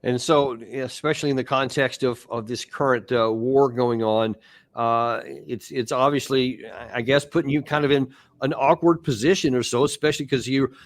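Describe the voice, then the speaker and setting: A man's voice: mid-range voice, steady tone, normal speed, no echo. Man hosting with a dry, close sound. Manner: loose, many fillers and restarts. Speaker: interview host. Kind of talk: conversational video interview.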